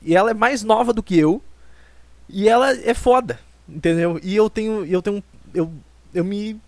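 Young man from Brazil, high voice, dry close sound, rambling self-mocking podcast monologue. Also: normal speed, a little mellow, dry recording. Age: 20s. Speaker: podcast host. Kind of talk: solo comic podcast monologue.

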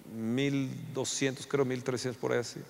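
A man preaching a passionate sermon, swinging between loud outbursts and hushed storytelling. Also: medium pitch, little pitch movement, moderate pace, creaky, in a large hall, slight background noise.

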